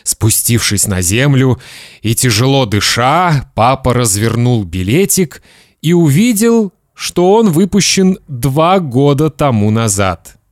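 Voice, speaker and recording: A man reads a children's story aloud with a lively, melodic voice. He takes his time, and the recording is dry and close. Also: medium pitch, no echo. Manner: expressive, unhurried storytelling. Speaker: reader.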